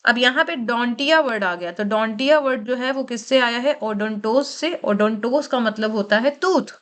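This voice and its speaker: A woman with a slightly high voice teaching word roots in an exam-prep lecture. She talks in Hindi full of English terms, says each key word twice, and keeps asking questions and answering them herself. The delivery is steady and explanatory. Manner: explains slowly, repeats key words, asks and answers own questions.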